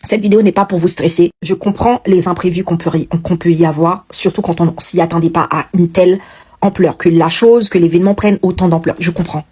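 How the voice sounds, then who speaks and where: A woman's voice: fairly low pitch, steady tone, a little fast, a little mellow, slightly rough. A woman from Haiti with a Cameroonian French accent, talking earnestly and chattily in a casual video message, with many fillers. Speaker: social media creator.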